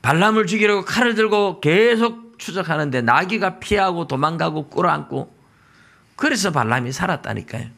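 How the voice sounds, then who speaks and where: A male pastor with a Gyeongsang Korean accent preaching a sermon in church, acting out dialogue in different voices. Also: high voice. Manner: acts out dialogue in lively voices.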